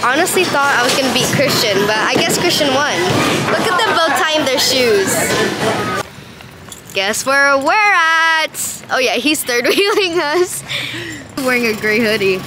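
A young woman vlogging casually with her friends, excitable and teasing, talking into a handheld phone camera at a busy indoor bowling alley. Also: high voice, unhurried. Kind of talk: casual vlog chat. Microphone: handheld phone camera at arm's length. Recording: loud crowd and alley noise.

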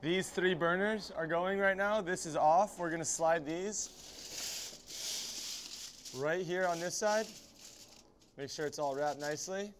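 A man's voice: high voice, a little slow, pauses often, noisy background. Teasing young man, cooking banter. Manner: teasing, playful. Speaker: cooking show co-host.

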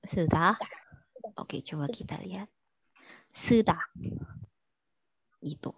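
A woman's voice: fairly low pitch, takes it slowly, gravelly, slightly rough, no echo, dull audio. Chatty woman teaching a language lesson. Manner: chatty, quizzing students with many fillers.

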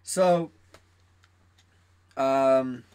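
A young man co-hosting a casual podcast, telling animated stories about work and acting out what people said. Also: medium pitch, drawn-out words, clean tone. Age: young adult. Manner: animated storyteller, rants, acts out quotes. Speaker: podcast co-host. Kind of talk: casual chat.

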